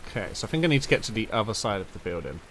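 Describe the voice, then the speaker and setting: A man's voice: fairly low pitch, very animated, very fast, a little hiss or hum. A man giving casual game commentary and chat in a rambling, jokey, sweary way. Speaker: gaming streamer.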